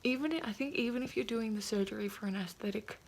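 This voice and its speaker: 20s girl vlogging w a sore puffy jaw, lots of vocal fry, kinda hesitant and rambly, bit of bg noise. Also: a little high, fast. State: recovering from jaw surgery, sore puffy mouth with slightly impeded speech. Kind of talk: casual reflective video diary.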